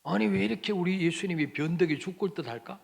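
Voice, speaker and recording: A man's voice: high voice, quick pace, creaky. A man preaching a sermon as pastor, asking the congregation questions and acting out quoted lines.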